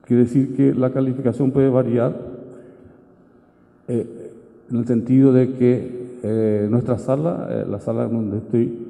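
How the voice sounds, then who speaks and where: A man's voice: medium pitch, fairly even intonation, creaky, mellow. A man, a judge from Paraguay, giving an unscripted legal lecture at a conference, thinking aloud with frequent filler sounds. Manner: halting, many filler sounds, reasoning aloud. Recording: echoey hall.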